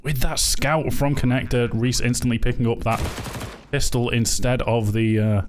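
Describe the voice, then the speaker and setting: British male play-by-play caster at home, quick and teasing, faint noise behind. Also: mid-range voice, steady tone. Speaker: esports caster. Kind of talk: live game commentary. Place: home, alone.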